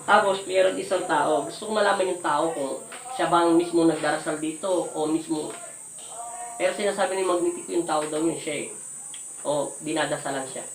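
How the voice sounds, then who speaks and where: A woman folk healer interrogating a spirit during a healing ritual, commanding and repeating her questions loudly. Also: low-pitched, fairly even intonation, brisk, vocal fry. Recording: echoey room, voice from some distance, faint hiss.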